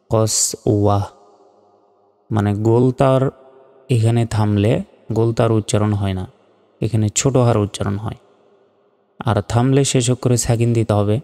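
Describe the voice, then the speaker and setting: A man teaching Quran reading, spelling out each letter and vowel slowly and reciting the verses in a drawn-out chant. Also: fairly low pitch, warm tone, smooth, in a large hall.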